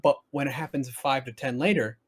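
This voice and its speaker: A man chatting casually as a podcast co-host, rambling and stammering, with a dry throat he keeps clearing. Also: medium pitch, brisk. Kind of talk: casual chat. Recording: faint intro music looping behind.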